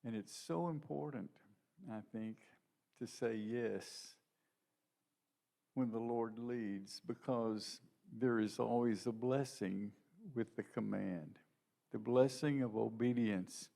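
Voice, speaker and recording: A man's voice: medium pitch, takes it slowly, vocal fry, warm tone. A man giving an earnest testimony at church as a guest minister.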